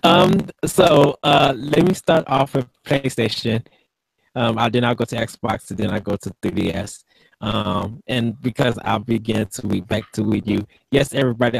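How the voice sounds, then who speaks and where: A young man co-hosts a casual gaming podcast from a home room decorated with game posters, earnestly reasoning through his points. He uses a boom-arm studio mic and headphones, and his lowish voice has vocal fry. The recording is dry and the audio poor.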